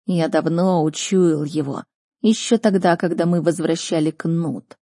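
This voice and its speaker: A woman voicing a grave male royal snow leopard who speaks slowly and heavily in a storybook reading. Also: sits low, fairly even intonation, dark tone, dry recording, studio quality. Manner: slow, heavy, deliberate speech.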